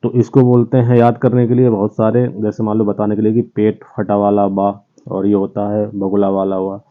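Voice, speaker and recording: A male teacher giving an online lesson to children, slowly and patiently sounding out each letter. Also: fairly low pitch, little pitch movement. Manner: slow, patient, spells out sounds one by one. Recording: tinny phone-like sound.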